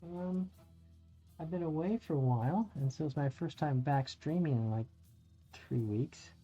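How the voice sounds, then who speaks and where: This streamer, a middle-aged dungeon master, talks casually to his live audience as he paints miniatures, rambling along and swearing now and then. He has a slightly high, warm voice and an unhurried pace. The dull lo-fi recording, with faint music, comes from a home room beside a window.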